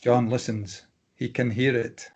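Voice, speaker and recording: With background noise present, a man in a mid-range, level voice reads out screenplay stage directions. He narrates the script plainly and steadily, clipping each scene heading.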